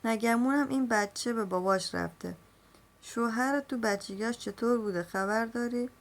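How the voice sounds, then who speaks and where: A woman's voice: a little high, creaky. A young woman reading a first-person novel aloud in an emotional storytelling manner, speaking the characters' lines in her own voice. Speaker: novel reader.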